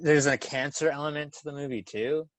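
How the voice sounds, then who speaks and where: A young man, a guest on a casual film podcast, talking hesitantly and trailing off quietly at the ends of his sentences. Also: on the high side, steady tone, fairly quick.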